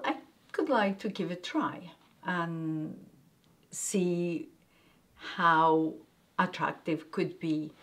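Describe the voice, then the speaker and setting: Interviewed as a guest, the owner of a guesthouse answers in a halting way, reaching for words and using lots of fillers. She is a middle-aged Argentinian woman, natively Spanish-speaking, with an Argentinian accent and a low-pitched voice.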